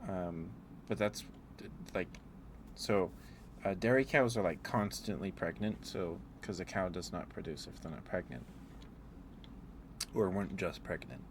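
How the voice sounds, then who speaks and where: Musing out loud in a halting, rambling way, this very deep-voiced man sounds like a livestreamer doing ASMR. A faint, constant noise hums behind his thinking-aloud talk.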